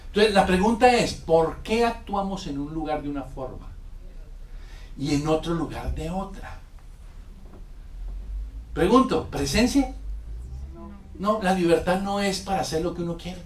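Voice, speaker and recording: High-voiced animated male preacher. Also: measured pace, pauses often. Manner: animated storytelling, acts out quotes and sound effects. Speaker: pastor. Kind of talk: sermon. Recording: echoey room, mic far off.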